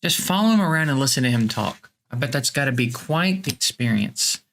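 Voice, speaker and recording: A man's voice: medium pitch, lively intonation, fairly quick, creaky, a bit bright, slight background noise. A man hosting a comedy show, reading fake tweets aloud in a bemused way with stammering restarts.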